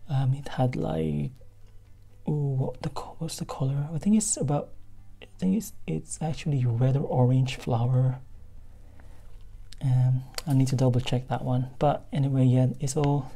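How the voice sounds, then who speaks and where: A woman's voice: rumbling low, unhurried, vocal fry, warm tone, husky. A woman giving a casual tour of her houseplants at home, hesitant and self-deprecating, with many fillers. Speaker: plant vlogger. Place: spare room at home.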